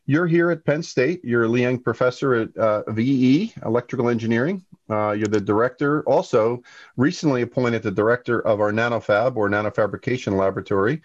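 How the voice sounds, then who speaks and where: A man's voice: medium pitch, brisk, dull audio. A man hosting a webinar who interviews his guest in an upbeat way, with many fillers and frequent praise. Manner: upbeat, many fillers, keeps saying "fantastic". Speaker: webinar host.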